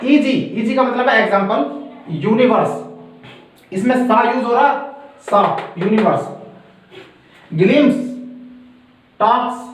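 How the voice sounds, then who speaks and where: A man from India teaching English pronunciation at a board, slow and repetitive, checking that his students follow. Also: high-pitched. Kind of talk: classroom lesson explaining at a board. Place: classroom with a board. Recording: roomy echo, far from the mic.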